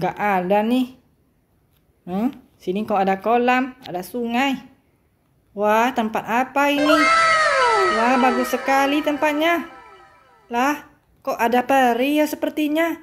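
A woman voicing a cheerful, curious little girl who keeps exclaiming in delight as she narrates a role-play game. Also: fairly high pitch. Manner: excited, chatty, exclaims often.

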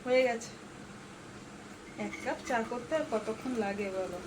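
Lady chatting in a home vlog, kinda high voice, noisy room behind. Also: normal speed. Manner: chatty, addresses viewers directly while doing chores. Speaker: vlogger. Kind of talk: casual daily vlog talk to viewers. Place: home, indoors.

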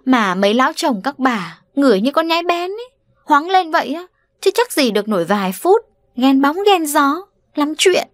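A woman reading an audiobook voices a brash, scornful pregnant village woman who mocks and scolds in a shrill, high voice. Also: lively intonation, moderate pace, no room sound, clean studio sound. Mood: mocking.

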